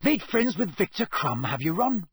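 A man's voice: high voice, sing-song, normal speed, slightly rough, no room sound, pitched above the performer's own voice, heavily acted. Man voicing a pompous, officious young man. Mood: pompously pleased. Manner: pompous, fussy.

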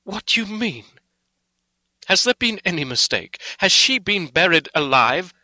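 A man performs a young English nobleman from a storybook, anguished and proud. The voice is raised well above his narration, very bright and tense, exclaiming with passionate indignation in a dry recording. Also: sits high, very animated, measured pace, dry recording, pitched above the performer's own voice, full character voice. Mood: shocked anguish. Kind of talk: dramatic audiobook character reading.

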